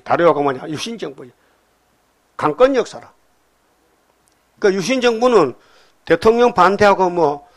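An older man preaching a sermon to his congregation, rambling from story to story and prodding the listeners with quick questions. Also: on the high side, fairly bright tone. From Gyeongsang Province, Korea. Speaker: pastor.

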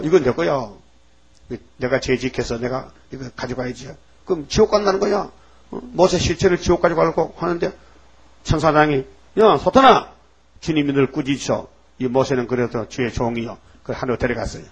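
A male pastor preaching a folksy sermon, prodding the congregation and acting out shouted rebukes in character. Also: sits high, breathy edge. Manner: acts out shouted rebukes of Satan. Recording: dull lo-fi recording.

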